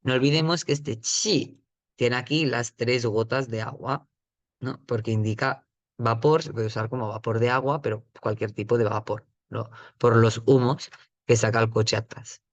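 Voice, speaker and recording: A man teaching vocabulary in a patient, explanatory lesson, often checking in with the listener and repeating words slowly at a higher pitch. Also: fairly even intonation, no echo, muffled recording. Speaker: Chinese teacher.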